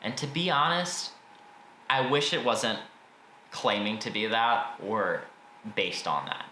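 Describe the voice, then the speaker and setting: A slow-talking American video host with a bright, forceful, mid-range voice delivers an informal book review packed with strong opinions and the occasional mild curse. Faint noise hums in the background, and the room adds echo.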